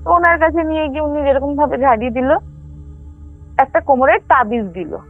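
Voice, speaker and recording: Calling in over a tinny phone line with music playing underneath, a woman with a high-sitting voice casually tells a ghost story. She's halting and repetitive, correcting herself and frequently checking in with questions.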